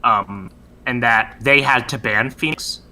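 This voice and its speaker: A man talking through his team's drafts with a very bright, tense, cutting tone. He rambles and jokes, his pitch jumping when he gets excited. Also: unhurried. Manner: rambling, animated, joking. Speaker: team captain and drafter. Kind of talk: casual post-match chat.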